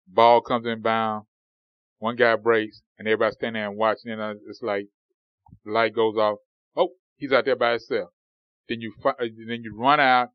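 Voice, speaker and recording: A man's voice: mid-range voice, clean tone, no echo, muffled recording. A man co-hosting a casual sports podcast, rambling with many fillers and restarts. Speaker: podcast co-host.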